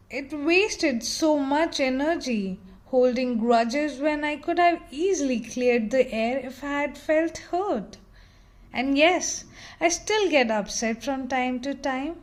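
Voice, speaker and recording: A woman reading a children's picture book aloud in a gentle, expressive storytelling manner. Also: sits high.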